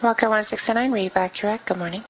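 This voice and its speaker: A woman speaks as an air traffic controller over the radio. Her voice sits at a medium pitch, delivering clipped, procedural clearances. The audio is dull and narrow, like a radio channel. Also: fairly even intonation, fast talker, dry recording.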